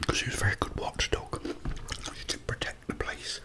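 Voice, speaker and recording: A middle-aged British man hosts an ASMR session, whispering meandering, leisurely stories between mouthfuls of food.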